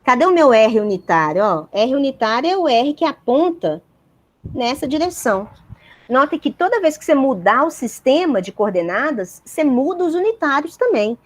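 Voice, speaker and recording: A woman's voice: sits high, sing-song, normal speed. A woman giving a university physics lecture, explaining step by step and checking in with her students.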